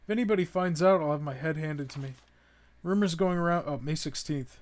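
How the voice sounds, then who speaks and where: Man streaming a horror game, slightly high voice, easily startled, swears, reads notes aloud. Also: a little fast. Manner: jumpy, swears when startled, laughs at grim text. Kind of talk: casual gameplay commentary, reading notes aloud.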